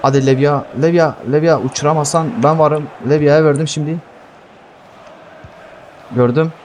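A man commentating his own football video game match, excitable and swearing at teammates. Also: fairly high pitch, moderate pace, slight background noise. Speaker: gaming YouTuber playing football career mode. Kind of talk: live gameplay commentary.

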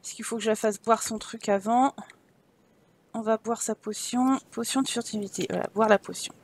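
A woman's voice: fairly high pitch, fairly even intonation, moderate pace. A woman giving casual, playful commentary while playing a game, reading the quest text aloud, laughing often and swearing casually. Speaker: video game let's-player.

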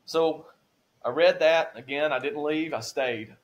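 A man's voice: fairly high pitch, unhurried. Man in his 40s telling his faith story on a podcast, earnest, voice goes up when it gets emotional. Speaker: podcast guest. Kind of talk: emotional testimony.

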